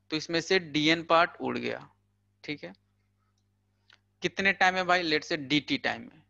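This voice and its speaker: A young man teaches physics in Hindi during a casual exam-prep lecture, chatty and full of filler words, sprinkling in "thik hai" and "bhai" and using everyday money examples. His voice sits on the high side, sounding pushed and bright. The recording is muffled but has no echo.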